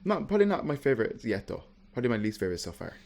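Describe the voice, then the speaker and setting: A man's voice: mid-range voice, big pitch swings, rapid-fire, gravelly, a little mellow. A man, chatting bluntly on a podcast and hedging his opinions. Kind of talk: casual chat.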